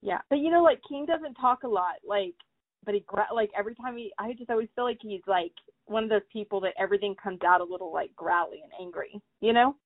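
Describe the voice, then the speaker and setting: A woman's voice: mid-range voice, quick pace, no echo. A woman co-host chats casually about books and thinks aloud, leaning on "like" as she works out her guesses. Her voice comes through thin and phone-like. It sounds dry and close. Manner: chatty, thinks aloud with many "like"s. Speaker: podcast co-host. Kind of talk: casual book podcast chat. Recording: tinny phone-like dry audio.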